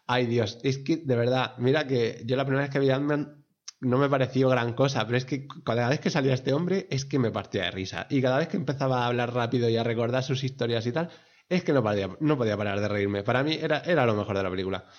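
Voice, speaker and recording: A man in a casual voice message, animated, laughing often and swearing freely. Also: medium pitch, fast. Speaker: listener sending an audio message. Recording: dull lo-fi audio.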